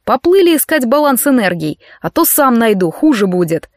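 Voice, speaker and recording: A sharp-tongued male necromancer who needles his students with mockery, as a woman reading the story puts him on. His lines ride high in pitch, recorded dry and close. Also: very animated, moderate pace, no echo. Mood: scolding. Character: sarcastic male necromancer teacher.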